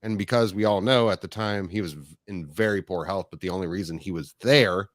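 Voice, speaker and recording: A middle-aged man hosting a podcast, chatting casually and telling lively stories, acting out what people said. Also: low-pitched, brisk, dry recording, studio quality. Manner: animated storyteller, acts out quotes. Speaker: podcast host. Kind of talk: casual chat.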